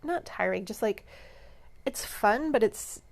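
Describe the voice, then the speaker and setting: A woman's voice: on the high side, expressive, measured pace, gravelly. A woman co-hosting a podcast in casual chat, easygoing and chatty, often murmuring agreement. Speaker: podcast co-host.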